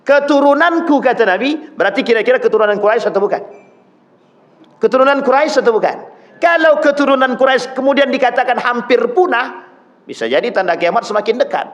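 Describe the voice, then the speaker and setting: A man's voice: extremely high pitch, lively intonation, quick pace, dull audio. A male preacher giving a sermon, speaking straight to his congregation and acting out the people he quotes. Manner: addresses the congregation directly, acts out quoted voices.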